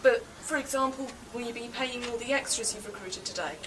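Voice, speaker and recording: A woman's voice: a little high, a little fast, distant mic, background noise. A woman interviewer in a mockumentary comedy, asking skeptical, probing questions.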